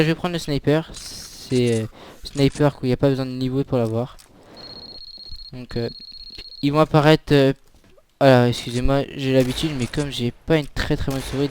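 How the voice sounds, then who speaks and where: A man's voice: medium pitch, a little mellow, a little hiss or hum. Hesitant man explaining a shooter game. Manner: hesitant, many fillers, talks while playing. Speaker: gaming video creator. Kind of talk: casual gameplay tutorial commentary.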